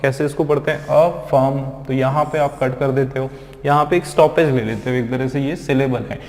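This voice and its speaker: A man teaching English pronunciation in a classroom lecture, drilling words slowly and repeating them aloud. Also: medium pitch, fairly even intonation. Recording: echoey classroom with long reverb.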